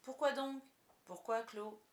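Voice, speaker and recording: Woman doing a young girl, eager, high, exclaiming, storybook, echoey. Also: slow pace. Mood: surprised. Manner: excited exclamations, pleading. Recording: roomy echo.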